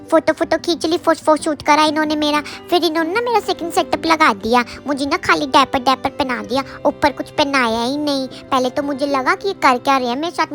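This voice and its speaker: A woman's voice: high-pitched, a bit bright. A woman doing a playful, childlike voice-over in her baby's first person, mock-complaining about a photo shoot.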